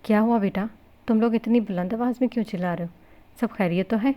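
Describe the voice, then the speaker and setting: Calm fatherly older man, woman narrator voicing him, gentle but firm. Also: medium pitch, close to an everyday voice. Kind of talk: novel reading with character voices.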